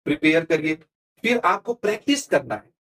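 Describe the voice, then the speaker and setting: In a podcast interview, a male motivational speaker talks in a high voice that jumps up and down with great liveliness at a moderate pace. Like a seasoned stage coach, he drives every point home emphatically and animatedly, using punchy, homely examples.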